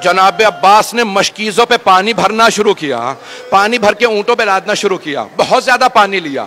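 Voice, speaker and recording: A male cleric delivering a mourning sermon, impassioned and rising to wailing shouts as he addresses the gathering directly. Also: high voice, moderate pace, faint music behind.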